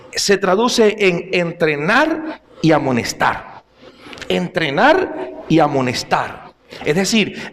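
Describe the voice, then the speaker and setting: A middle-aged male pastor preaching a sermon, telling anecdotes and putting questions to the congregation. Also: high-pitched.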